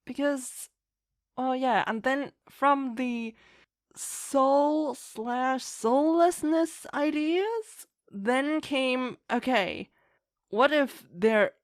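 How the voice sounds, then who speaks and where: A fan fiction writer, guesting on a podcast, chats casually in a high voice with drawn-out words, rambling enthusiastically and acting out her own thoughts as they come. The studio-quality recording has no echo.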